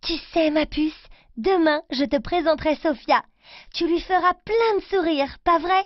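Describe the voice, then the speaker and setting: A woman voicing an excited, chatty little girl in a children's storybook reading, with high childlike lines. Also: moderate pace, no room sound, highs cut off. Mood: tender.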